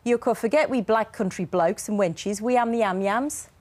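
A woman's voice: medium pitch, normal speed, a little mellow. Woman breakfast news presenter. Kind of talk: studio news chat.

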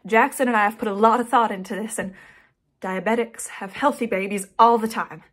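Woman acting as headstrong young daughter, fairly high voice, emotional, insistent, dramatic monologue to her mother. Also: steady tone, a little fast, a bit bright. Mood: reassuring. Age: young adult. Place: small indoor room, plain wall.

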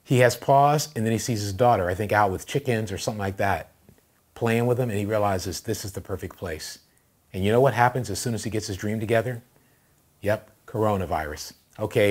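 A man with a fairly low voice delivers a livestreamed church sermon. He tells stories in an animated way and pushes into loud, emphatic stretches. The delivery stays personal and direct. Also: slightly rough. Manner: animated storytelling, rising to loud emphatic passages. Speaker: pastor.

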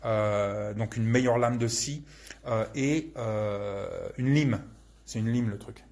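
A man's voice: medium pitch, takes it slowly, a little mellow. A man hosting a casual live question-and-answer session, rambling with many hesitations and crude slang. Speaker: channel host answering viewer questions.

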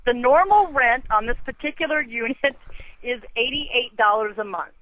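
Over the telephone, a storage rental agent talks with a caller in a customer service exchange. She is an American woman with a slightly high voice, speaking at a normal speed in a matter-of-fact, businesslike manner.

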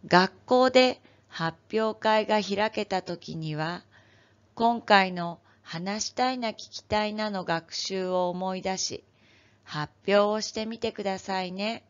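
A woman teacher leads a lesson for young children, speaking slowly and deliberately with careful, clear enunciation. Her voice sits at a moderate pitch and has a gentle, encouraging tone. The recording sounds slightly dull and lo-fi. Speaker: elementary school teacher. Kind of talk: online lesson for first graders.

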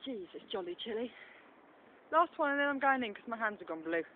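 Woman filming her dog in the snow, high voice swinging all over, tinny camera sound. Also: lively intonation, fairly quick. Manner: chatty, coaxing, often laughing, calls out to the dog. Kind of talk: casual commentary while filming. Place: snowy garden outdoors in the evening. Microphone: handheld camera mic. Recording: lo-fi camera audio with faint outdoor noise.

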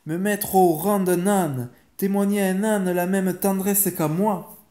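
A stern, quick-tempered mother in a bedtime storybook, snapping out impatient rebukes. A man reads her, with his voice raised a little in pitch over a mellow tone. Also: expressive, natural voice. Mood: angry. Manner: sharp, scolding and impatient.

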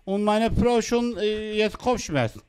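Man putting on a high-pitched, flustered Turkish-accented immigrant. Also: measured pace, a little mellow, clean tone. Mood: confused, insistent. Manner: broken grammar, stammering, repeats himself. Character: flustered immigrant man lost on a train journey, broken German. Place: small studio room, indoors. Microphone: close studio microphone.

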